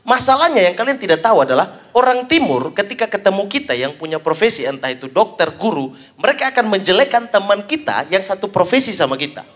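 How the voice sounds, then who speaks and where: A young man doing stand-up comedy, telling stories with animated acted-out voices. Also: fast talker. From Papua, Indonesia. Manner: animated storytelling, acts out high shouted voices of fans. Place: stage before a live audience.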